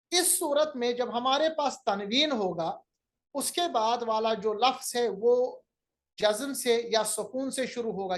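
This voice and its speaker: A man's voice: very high voice, fairly bright tone. A man teaching a lecture on recitation rules, patiently repeating each rule and drawing out syllables to model the sounds.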